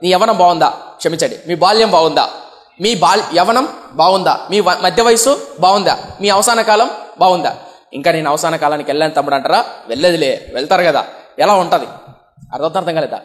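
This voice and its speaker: A man's voice: high voice, fairly quick. A young man from India preaching a sermon, often asking the congregation questions and acting out comic quotes. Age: young adult. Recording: long hall reverb.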